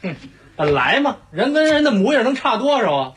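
A man's voice: very high-pitched, sing-song, fairly quick, a bit bright, slightly rough, full character voice. An actor playing a sly, sarcastic middle-aged husband in a sitcom, teasing his wife. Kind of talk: sitcom acting.

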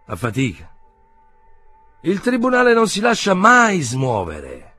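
A man reading an audiobook, voicing a brisk, self-assured adult male painter who speaks insistently and emphatically. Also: high-pitched, huge pitch swings, sharp tone, no room sound, faint music behind, pitched above the performer's own voice, full character voice.

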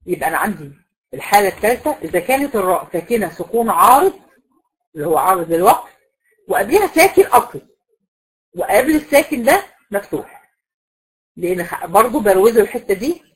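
Egyptian lady teacher, quick lecture, bit husky, keeps quizzing the class. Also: medium pitch, poor audio. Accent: Egyptian Arabic. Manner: explains patiently, asks the class questions and repeats key rules. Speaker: Quran recitation teacher.

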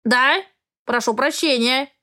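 A woman's voice: high-pitched, slow, pushed and bright, heavily acted. A woman voicing a senile, grumpy old male raven in a storybook reading, indignant and scolding. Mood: grumbling.

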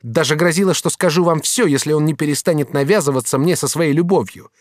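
A man's voice: on the high side, quick pace, dry recording, clean studio sound, pitched above the performer's own voice, natural voice. A man playing a proud, devoted young maidservant. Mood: defiant. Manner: emphatic, pleading, rising exclamations. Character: young woman servant, devoted, proud, quick-tempered. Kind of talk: audiobook character reading.

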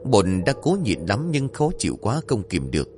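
A man narrating a story in an expressive, dramatic way, with faint music behind. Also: lowish voice, normal speed.

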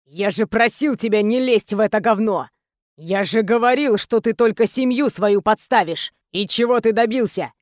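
A woman voicing a menacing, foul-mouthed male gangster in a low, threatening growl. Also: unhurried, a little mellow, dry recording, studio quality, lightly acted. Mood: furious threat.

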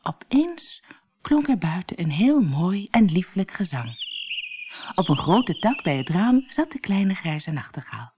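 Low-voiced woman reading a fairy tale. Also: a little slow. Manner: expressive, clear, storytelling. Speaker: audiobook reader. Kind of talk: storybook narration. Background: soft music.

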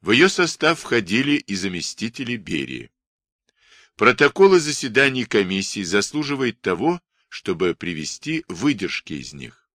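A man with a lowish voice reads nonfiction history aloud in a formal, measured way. His delivery is animated in pitch, with a bright, forceful edge. The sound is close and dry. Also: no echo. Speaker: audiobook narrator. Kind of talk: scripted nonfiction narration.

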